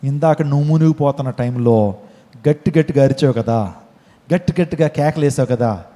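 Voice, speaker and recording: A man's voice: medium pitch, brisk, warm tone, big-room sound. A male pastor preaching a sermon, pressing his listeners with rhetorical questions and acting out desperate cries for help.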